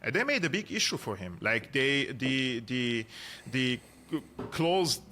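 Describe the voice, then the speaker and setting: A man with a Syrian Armenian accent speaks as a guest in a podcast interview. His voice is bright and forward, in a middle pitch. He talks earnestly, with frequent fillers and restarts. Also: sing-song, takes it slowly, slight background noise. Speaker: guest, journalist and political analyst.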